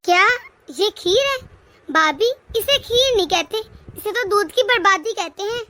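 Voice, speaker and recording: A woman's voice: very high-pitched, animated, a little slow, bright, forceful tone, a little hiss or hum, exaggerated voice. A woman voicing a spoiled young married daughter in a cartoon, who taunts her sister-in-law. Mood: taunting. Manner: taunting, whiny. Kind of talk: cartoon voice acting.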